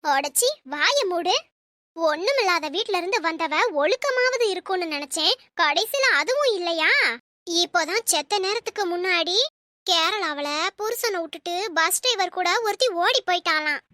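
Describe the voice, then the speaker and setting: A woman voicing a sharp-tongued, suspicious older mother-in-law in a cartoon, talking in accusing, wailing scolds. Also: lively intonation, moderate pace, no room sound, studio quality, heavily acted. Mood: scolding. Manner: shrill, accusing, wailing complaints. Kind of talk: cartoon voice acting.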